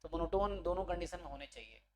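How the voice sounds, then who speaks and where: A male statistics teacher gives an online exam-prep lecture. He talks his students through each step and keeps checking that they are following. When he reads a formal definition, he slows to a careful word-by-word pace. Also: a little high, lively intonation, crowd noise. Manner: explains step by step, often checks understanding with tag questions.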